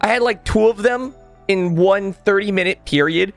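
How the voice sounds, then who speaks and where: A man co-hosting a podcast, chatting casually and telling an anecdote in an animated way, acting out the quotes. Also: sits high, moderate pace, faint music behind. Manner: animated storyteller, acts out quotes. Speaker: podcast co-host. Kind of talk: casual comedic chat.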